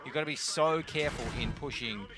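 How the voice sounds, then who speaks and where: A man's voice: mid-range voice, a little fast. A man casting a live tank esports match, chatty and analytical, with the odd joke. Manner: chatty, analytical, tossing in jokes. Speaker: esports commentator. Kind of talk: live esports play-by-play commentary.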